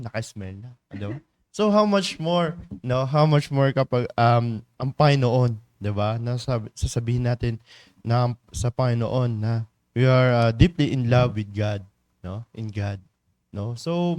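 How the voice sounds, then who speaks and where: A man's voice: medium pitch, a little mellow, no echo. Filipino man leading a chatty devotion. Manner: conversational, teasing the congregation, many tag questions. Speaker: devotion leader. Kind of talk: morning devotion talk.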